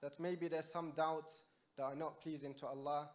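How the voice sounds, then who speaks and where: A man's voice: fairly high pitch, level tone, normal speed. A man in a theatre audience asking a long, earnest question in formal, religious phrasing. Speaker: audience questioner, former imam.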